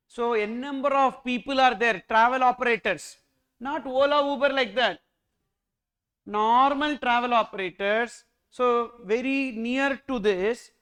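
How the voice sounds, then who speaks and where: A man with a Tamil Indian accent lectures like an exam coach. His voice is very high for a man and clear, with a smooth ring. He puts questions to the class and answers them himself. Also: a bit bright. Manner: mixes Tamil into English.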